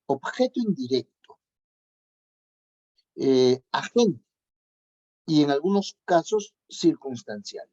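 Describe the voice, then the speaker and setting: Teacher lecturing on grammar, middle-pitched, insistent repetition, muffled lo-fi audio. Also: warm tone. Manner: repeats key points for emphasis; checks in with students. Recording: dull lo-fi recording.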